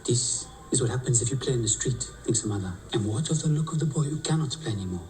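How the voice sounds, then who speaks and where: A cool, probing vampire with a lively, rising and falling voice, played by an actor. He teases in a measured way over a drama score. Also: medium pitch, close to an everyday voice. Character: cool, probing male vampire art collector. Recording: TV clip with music.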